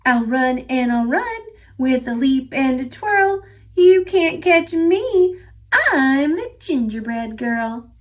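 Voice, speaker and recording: A woman's voice: high-pitched, lively intonation, takes it slowly. A woman voicing a cheeky, boastful young gingerbread girl who teases in sing-song rhymes. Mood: gleeful, taunting.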